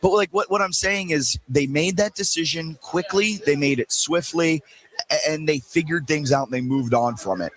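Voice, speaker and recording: A man hosting a sports talk radio show, chatting casually in a playful, animated way, with quick asides and jokes. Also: fairly high pitch, rough recording. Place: radio show booth at a live event.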